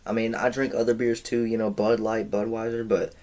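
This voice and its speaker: A man's voice: fairly low pitch, little pitch movement, fairly quick, darkish tone. A young man in his twenties telling a rambling, profane storytime, heavy on slang and filler. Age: 20s. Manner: rambling, profane, slangy, says bro a lot. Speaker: vlogger. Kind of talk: casual storytime chat.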